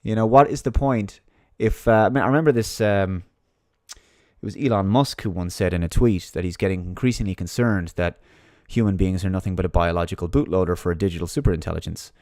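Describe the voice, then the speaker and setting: A man's voice: low voice, brisk, darkish tone, no echo, clean studio sound. A man giving a monologue commentary, reading out an article and mocking his opponents in sarcastic put-on voices.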